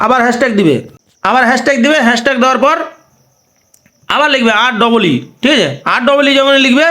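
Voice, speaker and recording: High-voiced fast-talking man explaining steps. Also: fairly bright tone. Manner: repeats each step with tag questions. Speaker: tutorial host. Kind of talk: screen-recording tutorial.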